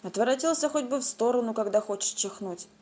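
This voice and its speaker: A woman's voice: fairly high pitch, fast talker, dark tone, lightly acted. A woman voicing a stubborn, grumbling old village grandfather who exclaims and mutters to himself.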